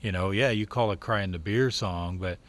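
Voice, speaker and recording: Low-voiced man, easygoing guest. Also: brisk. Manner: easygoing, hesitant, repeats words. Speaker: touring band member, guest. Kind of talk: casual chat.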